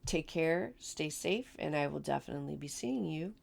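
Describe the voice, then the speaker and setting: A woman with a raspy voice hosting a casual card-making tutorial, chatty and enthusiastic as she walks through her projects. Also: sits low, animated, normal speed, a little mellow, a little hiss or hum. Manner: chatty, enthusiastic, with fillers and repeats. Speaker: card-making channel host.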